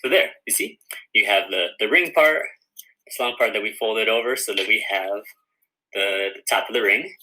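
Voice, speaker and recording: Bright-voiced man teaching kids a craft. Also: lowish voice, moderate pace, rough recording. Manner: friendly, guiding viewers through each step. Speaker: children's author teaching a craft. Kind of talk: step-by-step craft tutorial for kids.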